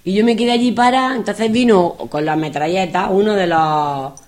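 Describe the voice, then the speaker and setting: A middle-aged woman, telling funny travel anecdotes in casual chat, animated and chatty. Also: mid-range voice, normal speed. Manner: lively, animated anecdotes with acted quotes. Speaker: guest telling travel stories.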